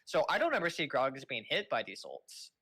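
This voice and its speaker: Young guy casting esports, bright clear voice, jokey and rambly, stumbles over his starts. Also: mid-range voice, huge pitch swings, brisk. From Los Angeles. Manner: joking, rambling, repeats words when starting. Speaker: esports shoutcaster. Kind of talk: casual esports commentary.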